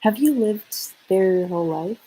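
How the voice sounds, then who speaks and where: A woman with an American accent chatting casually on a livestream, halting and hesitant, in short broken phrases. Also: medium pitch, expressive, dark tone, breathy edge, rough recording.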